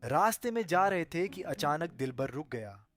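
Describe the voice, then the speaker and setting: Male storybook narrator, playful comic read, lively pitch, slightly high. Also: moderate pace. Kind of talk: scripted cartoon narration.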